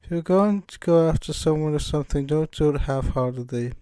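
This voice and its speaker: A man voicing a poised, menacing young woman club president with a put-on British accent, speaking silky and calm. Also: on the high side, brisk, clear, resonant tone, no echo, voice pushed up, natural voice. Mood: calm, sinister. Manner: silky, calm, quietly threatening.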